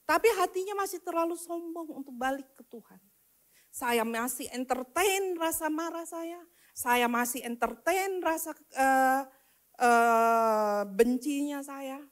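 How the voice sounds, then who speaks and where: A woman preaching a personal testimony, swinging from loud declarations to hushed whispered prayers. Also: high voice, measured pace. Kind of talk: testimony sermon.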